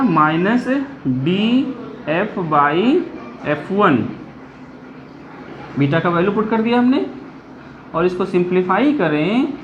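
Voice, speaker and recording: Medium in pitch, this physics teacher lectures blackboard-style, building a derivation step by step and reading formulas out deliberately. English technical phrases mix with Hindi, with frequent stops to ask if it's clear; the recording is echoey, dull and lo-fi, with slight background noise.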